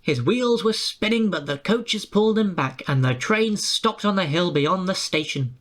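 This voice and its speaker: A man's voice: high-pitched, expressive, normal speed, fairly bright tone. A man reading a storybook aloud and putting on voices for the engines and coaches. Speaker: storybook narrator.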